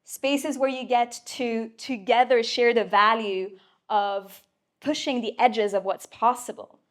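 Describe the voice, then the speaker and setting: A woman's voice: a little high, fairly even intonation, slow pace. Playful, emphatic woman giving an inspirational talk. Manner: playful, emphatic, casual swearing. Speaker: speaker at a mentoring community event. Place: event room before a live audience.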